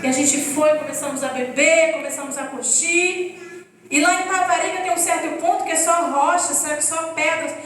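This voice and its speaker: A woman's voice: high-pitched, steady tone, moderate pace, fairly bright tone. A woman giving an earnest, emotional personal testimony to a church congregation. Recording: echoey hall, distant mic, faint music.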